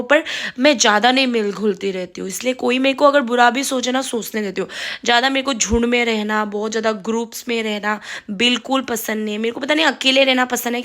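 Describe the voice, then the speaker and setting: Young adult woman, slightly raised pitch, frank and repetitive, chatting to camera while cooking. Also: fairly bright tone. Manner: frank, advice-giving, repetitive phrasing. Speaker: vlogger. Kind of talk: casual monologue to camera.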